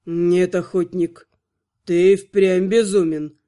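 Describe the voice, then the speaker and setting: A woman voicing a charming, suave male archvampire ruler who speaks smoothly and with mocking politeness, in an audiobook. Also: fairly low pitch, level tone, slow pace, dark tone, pitched below the performer's own voice.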